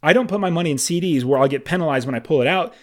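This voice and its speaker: A man's voice: on the high side, racing. A man in his late thirties hosting a solo podcast, talking in an enthusiastic, conversational way with emphatic asides. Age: 30s. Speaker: podcast host.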